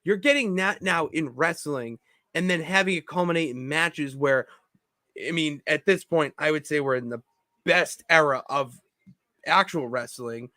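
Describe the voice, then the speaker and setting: A man co-hosting a podcast from his home basement, talking in an excitable, rambling way with many restarts. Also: a little high, unhurried, dry recording, clean studio sound. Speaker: podcast co-host. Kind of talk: casual chat.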